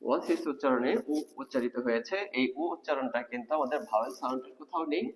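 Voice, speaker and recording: Speaking quickly at a medium pitch, a male instructor works through English grammar step by step in a recorded lecture, tossing rhetorical questions at the class. The long reverb of a hall surrounds his voice.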